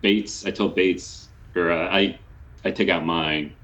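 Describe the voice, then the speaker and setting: A man with a very low voice plays in a tabletop game. He talks in a laid-back, joking way, asking questions and describing his actions. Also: fairly even intonation, unhurried, a bit bright. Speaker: player. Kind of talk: casual tabletop game play.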